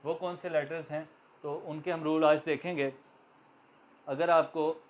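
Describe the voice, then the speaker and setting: A man giving an English grammar lesson, speaking slowly and deliberately, spelling words out letter by letter and repeating examples for learners. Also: fairly high pitch. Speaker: English teacher. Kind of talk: classroom-style grammar lesson.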